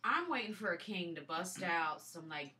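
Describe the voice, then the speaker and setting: A woman's voice: fairly low pitch, sing-song, moderate pace. A woman who works as a showgirl entertainer, chatting playfully and joking around. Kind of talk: casual chat. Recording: noticeable background noise.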